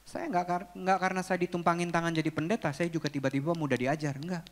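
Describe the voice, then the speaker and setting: A male pastor with a high, bright voice gives a lively, joking sermon. His words ring with a long reverb off a large hall. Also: quick pace. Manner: lively, humorous storytelling. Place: church auditorium.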